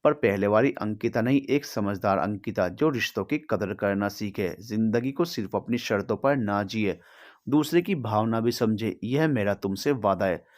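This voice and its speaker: A man with a fairly low voice voicing a stern but loving middle-aged mother in a read-aloud story, speaking earnestly and with some pleading. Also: moderate pace, close to an everyday voice. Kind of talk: storybook reading.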